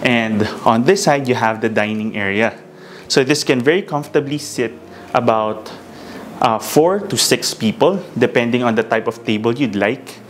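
A man's voice: mid-range voice, moderate pace, a little hiss or hum. A man in his thirties, a real estate broker, giving a polished walking house tour of a townhouse, pointing out features room by room. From Philippines. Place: bright empty townhouse rooms indoors.

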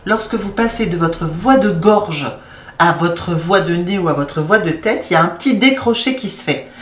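A woman's voice: fairly low pitch, lively intonation, moderate pace, distant mic. A woman teaching singing, explaining vocal registers and breaking into short sung demonstrations. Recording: echoey room, voice a bit off mic.

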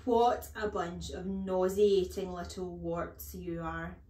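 A woman's voice: on the low side, steady tone, slow pace, dark tone. A woman voicing a huge, bullying headmistress who barks contemptuous commands and insults in a children's storybook reading. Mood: disgusted. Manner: barking, bellowing commands, contemptuous. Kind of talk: children's storybook read-aloud. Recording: echoey room.

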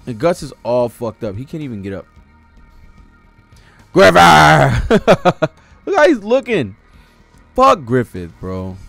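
A young American man with a fairly high, gravelly voice hosts a manga reaction, delivering casual, profane, slang-heavy live commentary with great animation. He speaks slowly with long pauses and a fairly bright tone, close to a desktop microphone in a cluttered room at home. Soft music plays in the background, with no echo.

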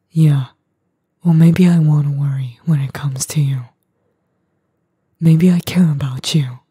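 A woman voicing an edgy young boyfriend, gruff but tender and worried, in a breathy, husky, halting whispered role-play. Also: deep voice, mellow, no echo, clean studio sound, exaggerated voice. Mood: hurt, frustrated.

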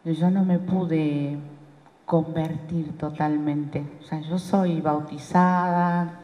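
A woman with an Argentine accent speaks from the audience in a large hall. Her voice is very low and slow, and it comes through dull and echoey. She talks in a hesitant, halting way. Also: fairly even intonation. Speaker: audience member asking a question.

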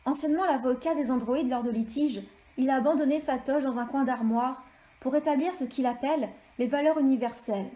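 High-voiced woman reading her novel. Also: fairly quick, dark tone. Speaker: author. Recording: echoey room.

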